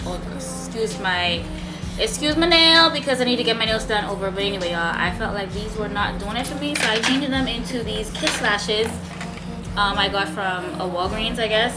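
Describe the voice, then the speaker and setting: A young woman with a Bahamian accent, chatting casually and informally with slang in a get-ready-with-me vlog. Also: mid-range voice. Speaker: vlogger. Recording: music playing behind the voice. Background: background music.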